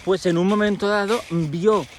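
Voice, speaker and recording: A man's voice: sits high, fairly even intonation, normal speed, a little hiss or hum. A man, retelling a myth as a playful, chatty storyteller full of modern slang. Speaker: storyteller host.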